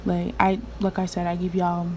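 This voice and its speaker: A woman's voice: on the low side, monotone, moderate pace, dark tone, a little hiss or hum. A woman hosting a reaction video, chatting in slangy, profane talk full of fillers, sounding tired after a nap. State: tired, just woke from a nap. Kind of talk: casual reaction commentary.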